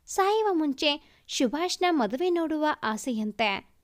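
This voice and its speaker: A woman's voice: sits high, lively intonation, takes it slowly. A woman voicing a young woman's close friend who chides and teases. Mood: worried. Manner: chiding and teasing.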